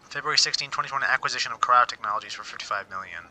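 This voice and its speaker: A man with a medium-pitched, sharp voice talks very fast in casual livestream commentary, reading figures and wryly reflecting on them. He interrupts himself and often repeats words mid-sentence. The audio quality is poor.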